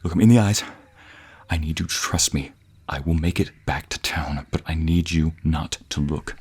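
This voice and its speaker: Alarm and urgency drive this man's full character performance as a devoted vampire boyfriend guarding the listener in a romantic audio roleplay. At a moderate pace and with a darkish tone, he uses ornate, old-world wording, his husky, breathy low voice often slipping into a whisper. The close binaural mic makes it feel intimate.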